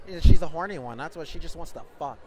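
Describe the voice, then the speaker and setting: A man's voice: fairly high pitch, quick pace, warm tone, slight background noise. A man working as a street interviewer, asking questions in a teasing, flirty way.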